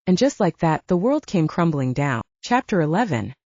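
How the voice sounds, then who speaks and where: A woman narrating a romance audiobook with expressive storytelling. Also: sits low, moderate pace, dry recording, dull audio. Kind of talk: scripted narration.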